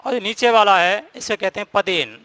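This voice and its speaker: A man teaching a grammar class in a high, clear and crisp voice. He explains each rule step by step and stresses the key points, recorded close and dry with no room echo. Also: expressive, moderate pace, pushed and bright. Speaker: Hindi teacher.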